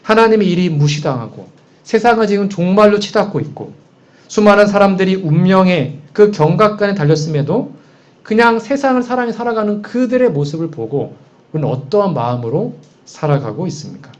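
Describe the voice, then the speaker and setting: A man's voice: high-pitched, animated, fairly quick. A man preaching a sermon in a conversational way, posing frequent rhetorical questions to the congregation. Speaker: pastor. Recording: dull, muffled sound.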